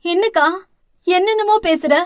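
Woman reader as an anxious younger sister, pleading and soothing, high voice, dry close recording. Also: normal speed, dry recording. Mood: worried. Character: frightened young woman, caring younger sister, college student.

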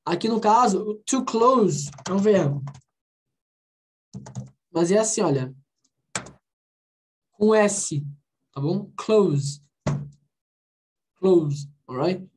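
A Brazilian woman teaching an online English class, patiently repeating words slowly to model their pronunciation. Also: medium pitch, animated, darkish tone, slight background noise. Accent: Brazilian Portuguese. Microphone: computer mic on a video call.

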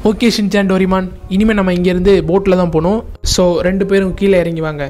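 A man's voice: high voice, flat delivery, a little fast, a little mellow, close to an everyday voice. A man playing an easygoing game hero. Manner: plain, instructive, addressing viewers. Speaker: gameplay video narrator. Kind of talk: Tamil gameplay narration.

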